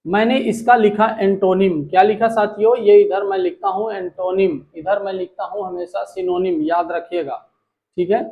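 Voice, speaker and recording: A man's voice: high-pitched, fairly even intonation, phone-quality sound. A man teaching English vocabulary to a class, drawing out words and repeating questions back to the students, with playful memory jokes. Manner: drawn-out repetitive teaching, asking the class back.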